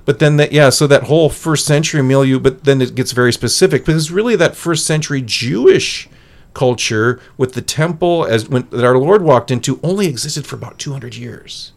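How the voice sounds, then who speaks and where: A priest from central Iowa, appearing as a guest on a studio talk show, explains things earnestly and keeps restarting his sentences. His voice is medium in pitch with vocal fry, and he talks a little fast in this radio studio podcast conversation.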